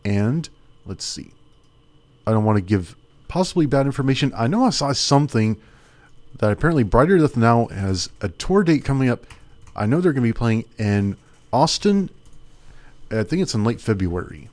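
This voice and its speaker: A man's voice: medium pitch, big pitch swings, normal speed, pauses often, a little mellow. A man hosting a small radio music show, chatting casually and rambling as he thinks aloud. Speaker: radio host.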